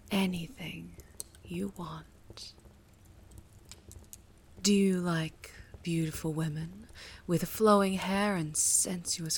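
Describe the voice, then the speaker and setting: A woman's voice: on the low side, slight background noise. A woman voicing a seductive otherworldly warlock patron in an audio roleplay, teasing and whispery. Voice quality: breathy, whispery. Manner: teasing, purring, slow.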